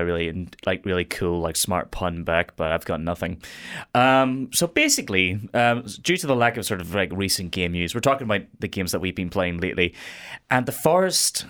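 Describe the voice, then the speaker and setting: Man, low voice, animated delivery, upbeat teasing co-host. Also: normal speed, clean tone. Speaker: radio co-host. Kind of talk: casual radio chat.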